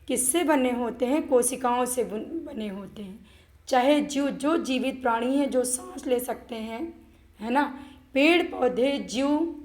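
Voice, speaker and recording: A woman's voice: high voice, darkish tone. A woman teaching a school lesson, often asking the class questions and repeating her points. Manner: slow, repeats questions to students.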